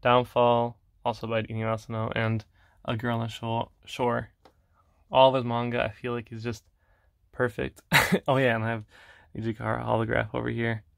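A young man in a relaxed home video, talking through his collection with lots of fillers and quiet laughs. His delivery stays level and monotone, and the room sound is dry and close. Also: medium pitch, moderate pace, vocal fry, dry recording. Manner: relaxed, rambling, frequent fillers and soft laughs. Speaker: manga collection vlogger. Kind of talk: casual collection showcase.

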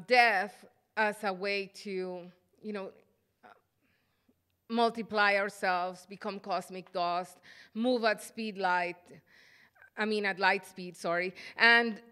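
A middle-aged woman from El Salvador gives an artist's lecture at a podium microphone, thoughtful and halting with frequent fillers. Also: mid-range voice, bright, forceful tone, smooth. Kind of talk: lecture presentation.

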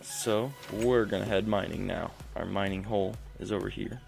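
Faint background music plays as this young gaming channel host comments on his game at home at a moderate pace. His voice is lowish, creaky and darkish, and his casual play-by-play is chatty and full of self-interruptions.

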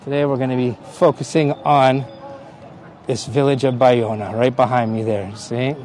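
Chatting casually on his outdoor live stream from a hilltop park, a middle-aged Canadian tour guide laughs a lot and names viewers as he greets them. His Canadian-accented delivery is flat, medium-pitched, moderately paced, and a little mellow. Recorded by a phone on a gimbal at arm's length, there's slight background noise.

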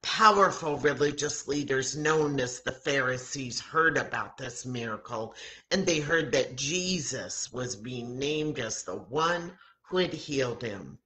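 An American woman in her sixties reads a children's Bible story aloud in her home kitchen, her low voice unhurried and swinging widely in pitch. She acts out each line of dialogue deliberately and expressively, like a story time host, captured roughly by a webcam or laptop mic at arm's length.

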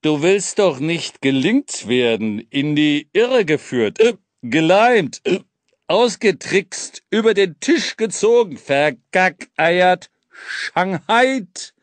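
Sly, raised-pitch hobo king with a slow, teasing drawl, a male narrator puts him on. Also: lively intonation, dry recording. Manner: sly, teasing, then urgent and shouting. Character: big sly old hobo king, man. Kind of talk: audiobook character voice.

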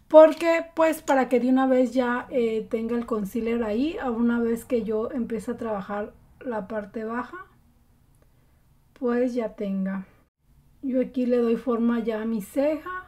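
A woman talks her viewers through a makeup tutorial in a relaxed, chatty way. Her voice sits a little high and has a warm, mellow tone, with frequent fillers between steps. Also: unhurried. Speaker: beauty vlogger.

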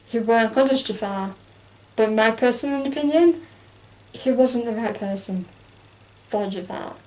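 A young woman, talking in a bright, slightly high voice. She chats about a film with lively energy and slips into quick impressions of its characters. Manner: chatty and animated, acts out quotes with laughs. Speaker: co-host. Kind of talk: casual chat reviewing a film.

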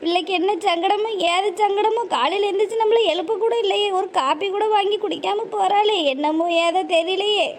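A woman voicing a doting, tearful old village mother, speaking softly and plaintively. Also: very high-pitched, quick pace, a little hiss or hum. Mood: sorrowful. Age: older. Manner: pleading, soft and plaintive. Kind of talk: cartoon voice acting.

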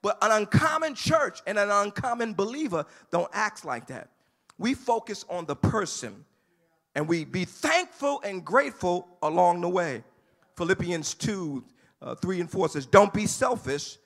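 A man preaching a sermon as pastor in a church sanctuary, moving from calm teaching to shouted, sing-song delivery. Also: high voice, unhurried, vocal fry.

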